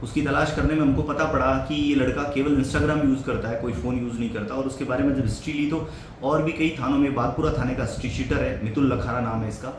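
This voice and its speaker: A man's voice: mid-range voice, fairly even intonation, fast. A man, a police officer, giving a formal press statement in plain official wording. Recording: very echoey room, clear room noise.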